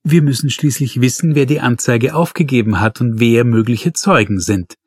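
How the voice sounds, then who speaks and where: A man's voice: medium pitch, moderate pace, breathy edge, no echo, studio quality, lightly acted. A man doing a cheeky, self-assured policewoman.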